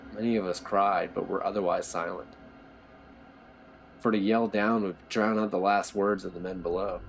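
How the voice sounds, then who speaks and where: A man narrating a horror story in a low, tense storytelling manner. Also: slight background noise.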